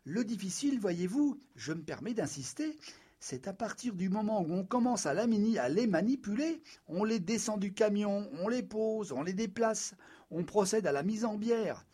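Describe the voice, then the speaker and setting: Man reading as an anxious carpenter, fussy, pleading, stammering, fairly high voice, audiobook. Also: expressive, moderate pace, dark tone, breathy edge. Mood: insistent. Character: anxious, insistent middle-aged male carpenter haggling. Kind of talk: audiobook character voice.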